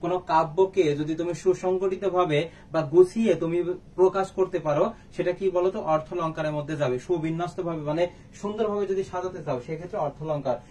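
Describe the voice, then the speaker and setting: A high-pitched man teaches a live online exam-prep class, asking students questions and answering them himself. He sits a little back from the mic. A faint background hiss runs under his voice. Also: darkish tone. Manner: quizzing, rhetorical questions and answers. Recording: faint background noise, slightly distant mic.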